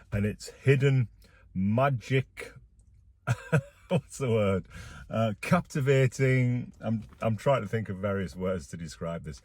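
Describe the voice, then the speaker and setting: Man, vlogger, low voice, chatty, speaking inside a car, dry close sound, addressing viewers. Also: darkish tone, no room sound. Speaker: vlogger, YouTube host. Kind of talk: casual vlog talk to camera.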